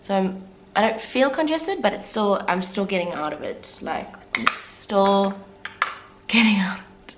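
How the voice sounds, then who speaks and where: Unhurried yet animated, a young beauty vlogger with a medium-pitched voice chats casually and candidly through a makeup tutorial against background noise. She adds self-deprecating asides and sounds a little congested as she recovers from the flu.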